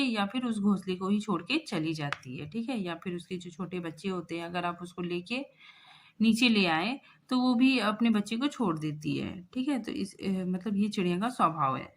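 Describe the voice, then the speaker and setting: A young woman teacher patiently explaining a school lesson, repeating herself and checking in with listeners often. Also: medium pitch.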